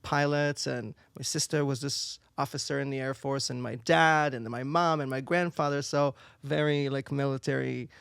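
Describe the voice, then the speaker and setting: A man's voice: mid-range voice, fairly even intonation, moderate pace, creaky, hardly any pauses, a bit bright, clear, resonant tone, dry recording, clean studio sound. A young man from Israel with an Israeli accent, a native Hebrew speaker, chatting as a podcast guest and stopping often to search for English words. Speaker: guest, singer and performer. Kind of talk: casual interview chat.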